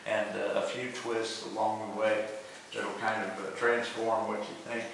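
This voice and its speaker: Man, American accent, echoing cave guide, halting delivery, lowish pitch, distant mic. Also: level tone, creaky, fairly bright tone, a little hiss or hum. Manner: halting, searches for words. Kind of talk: guided tour talk. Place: inside a show cave.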